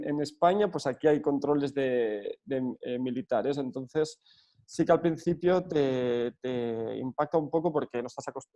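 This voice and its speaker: Man, football coach, mellow voice, earnest and halting delivery. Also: medium pitch. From Spain. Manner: earnest, hesitant with frequent fillers and restarts. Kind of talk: remote interview answers.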